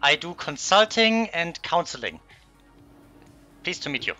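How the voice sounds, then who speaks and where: A man's voice: fairly high pitch, very animated, bright, forceful tone, soft background music, heavily acted. A man voicing a polite male human mechanic in a tabletop role-play. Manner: polite, measured.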